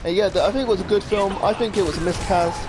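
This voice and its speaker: Rambling fast-talking English gamer guy. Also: sits high. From England. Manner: rambling, fast-talking, swears when frustrated. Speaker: gamer commentator. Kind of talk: casual gameplay commentary. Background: faint game music.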